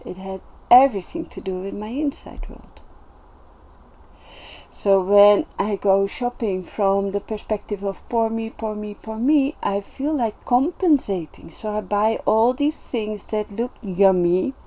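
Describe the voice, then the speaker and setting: A woman shares personal reflections in an unhurried vlog monologue. Her voice is mellow and soft-toned, her delivery gentle and earnest, with frequent pauses and restarts as she gathers her thoughts. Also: medium pitch. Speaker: self-development vlogger.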